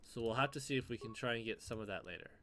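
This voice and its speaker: A man's voice: medium pitch, rapid-fire, bright, forceful tone, a little hiss or hum. Man doing casual game commentary. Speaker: gamer doing a playthrough. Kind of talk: casual game commentary, reading dialogue choices aloud.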